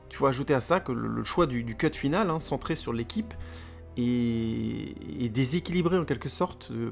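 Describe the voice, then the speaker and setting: A man talks through a film review in a loose, rambling way, stumbling over repeated words and filling pauses. His mid-range voice has a gravelly edge. Faint music plays softly underneath. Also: medium pitch. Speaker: film critic podcaster. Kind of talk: casual spoken film review.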